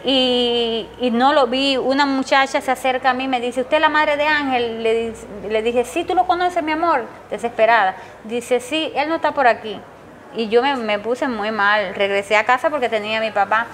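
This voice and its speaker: A middle-aged woman with a Cuban accent gives a personal testimony in long, emotional runs, her voice sitting a little high. She quotes her son in a raised pitch as she tells what happened. A faint steady noise runs under the recording. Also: moderate pace. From Cuba. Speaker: interviewee, mother of a jailed protester.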